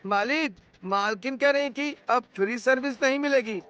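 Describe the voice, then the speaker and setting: A flustered, whiny house servant. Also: male voice, very high voice, normal speed, bright, forceful tone, clean tone, lo-fi sound.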